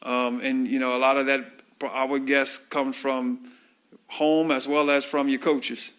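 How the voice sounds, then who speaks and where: A man's voice: medium pitch, level tone, a little slow, fairly bright tone, clear, resonant tone. A man interviewing a player at halftime, asking friendly, rambling questions full of fillers. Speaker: sideline interviewer at a high school football broadcast.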